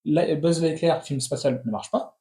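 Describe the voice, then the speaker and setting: A man's voice: fairly high pitch, warm tone. A man in his thirties hosting a casual film critique, talking in opinionated bursts full of restarts. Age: 30s. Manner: opinionated, talks in quick restless bursts with many restarts. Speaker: film review host.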